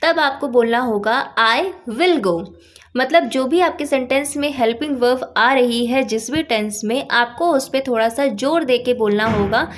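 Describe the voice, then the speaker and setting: A woman with a high, light voice gives a patient grammar lesson. She explains step by step, repeats her points and leans on the helping verbs for emphasis. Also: moderate pace, hardly any pauses. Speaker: English teacher.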